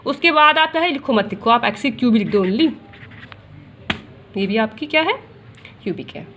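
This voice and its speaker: Woman, high voice, patient classroom maths teacher who mixes English terms in. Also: expressive, moderate pace, fairly bright tone, a little hiss or hum. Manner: explains step by step, asking and answering her own questions; addresses students directly, repeats key points.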